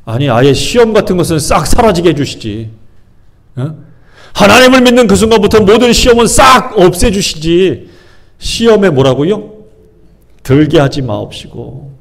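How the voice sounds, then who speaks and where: A man's voice: high-pitched, very animated, moderate pace. A male pastor preaching a sermon, posing questions to his congregation and answering them himself. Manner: acts out people's inner thoughts in shifting voices.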